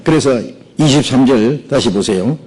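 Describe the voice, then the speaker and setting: A male pastor preaching a sermon, animated and often checking in with his listeners through quick rhetorical asides. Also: medium pitch, slightly rough, low-quality recording. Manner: animated, peppers talk with rhetorical "예?".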